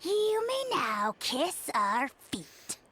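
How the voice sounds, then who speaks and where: A woman's voice: sits high, sing-song, very slow, slight background noise, exaggerated voice. A woman voicing a pompous tiny male dragon lord in a video game, grandiose and imperious with cackling laughs. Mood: haughty. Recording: game audio with loud music.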